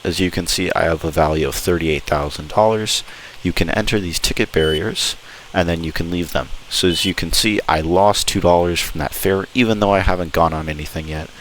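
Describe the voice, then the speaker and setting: A man's voice: sits low, brisk, fairly bright tone, low-quality recording. A man giving an enthusiastic, informal walkthrough commentary as host of a gameplay video. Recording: clear background noise.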